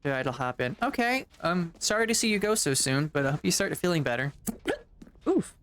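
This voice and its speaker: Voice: medium pitch, animated, fairly quick, fairly bright tone, a little hiss or hum. A game streamer chatting casually with viewers while playing, chatty and exasperated, swearing now and then. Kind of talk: casual live-stream chat.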